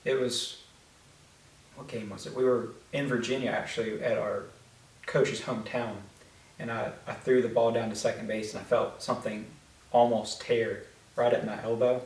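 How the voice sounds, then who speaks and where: A young man co-hosting a vlog, chatting casually in a halting way with many restarts. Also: mid-range voice, little pitch movement. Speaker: vlog co-host. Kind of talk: casual chat. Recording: echoey room, mic at a distance.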